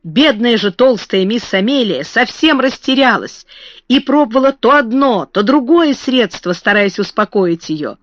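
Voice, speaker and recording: A woman narrating an audiobook in an expressive storytelling manner. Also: on the high side, a little slow, no room sound. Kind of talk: scripted narration. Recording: dry, slightly muffled recording.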